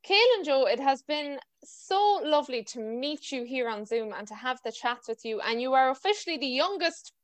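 A woman's voice: sits high, animated, moderate pace, hardly any pauses. A woman with a west of Ireland, County Mayo accent, hosting a casual, chatty podcast interview over a video call. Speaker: podcast host.

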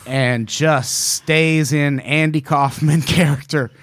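A man's voice: fairly high pitch, steady tone, takes it slowly, a bit bright. A man co-hosting a casual podcast chat, telling a story with lots of swearing and quoting people in passing voices. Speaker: podcast co-host.

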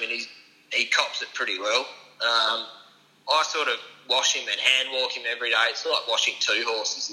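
A man's voice: mid-range voice, bright, forceful tone, rough recording. An Australian man giving casual, understated interview answers as a racehorse strapper, in an informal, laid-back way.

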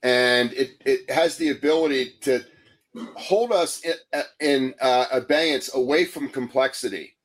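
Acting as both interview host and coach, a man with a medium-pitched voice leads a guided breathing exercise. His manner is measured, calm and soothing throughout.

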